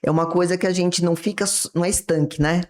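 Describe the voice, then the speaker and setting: Her voice is lowish and a little mellow, with fairly even intonation and a quick pace. This woman, a psychiatrist with a Brazilian Portuguese accent, explains ideas as an interview guest, didactically acting out brief example conversations.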